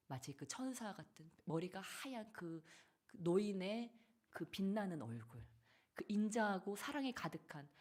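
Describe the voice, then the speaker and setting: A woman pastor, likely in her thirties, preaching a sermon in a church, acting out quotes and dropping into soft asides. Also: fairly low pitch. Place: church sanctuary.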